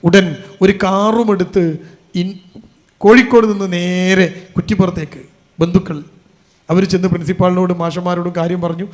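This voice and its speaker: A man's voice: high voice, flat delivery, moderate pace, long pauses. A man preaching a sermon as an Islamic preacher, telling a story with feeling and building to emphatic appeals.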